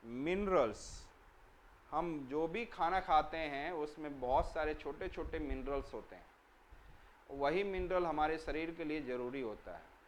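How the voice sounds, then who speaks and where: A man's voice: fairly high pitch, a little hiss or hum, rough recording. Man teaching children, spelling words out. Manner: repeats key words as questions to the class and answers them himself; spells words out slowly letter by letter. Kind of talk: explanatory lesson for children.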